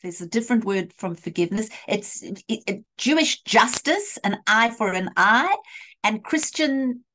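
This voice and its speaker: Slow-spoken woman lecturing on a video call. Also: on the high side, expressive, pushed and bright. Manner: slow, deliberate, acts out quoted lines. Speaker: literature lecturer. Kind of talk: lecture with dramatic readings of Shakespeare.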